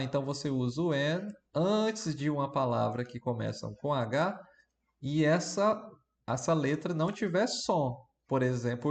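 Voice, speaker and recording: A Brazilian man teaching an English grammar lesson, explaining step by step and often checking in with the class. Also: a little high. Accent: Brazilian Portuguese. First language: Portuguese. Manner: plays the student asking questions, then answers.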